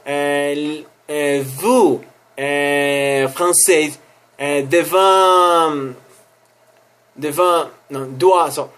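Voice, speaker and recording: Slow, halting man with a foreign accent. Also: fairly high pitch, a bit bright, smooth. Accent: foreign accent in French. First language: not French. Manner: halting, searching for words, self-correcting. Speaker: online language teacher and video host. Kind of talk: news commentary vlog for language learners.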